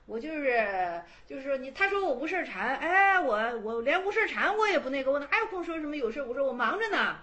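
A woman's voice: high-pitched, very animated, quick pace, few pauses, bright, forceful tone, heavily acted. A woman putting on a carefree old male Chan master who breezily shrugs off talk of enlightenment. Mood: breezy. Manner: breezy, self-mocking, listing chores.

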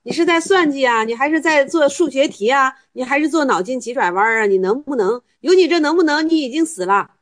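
Higher-pitched woman teaching Zen koans. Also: lively intonation, fairly quick, few pauses. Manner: teasing, rhetorical questions, storytelling. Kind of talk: explaining Buddhist koans to students.

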